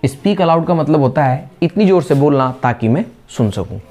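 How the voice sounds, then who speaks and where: A man's voice: on the high side, lively intonation, a little mellow. Indian male English teacher, patient explainer. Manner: explains patiently, repeats example phrases slowly. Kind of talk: spoken English lesson.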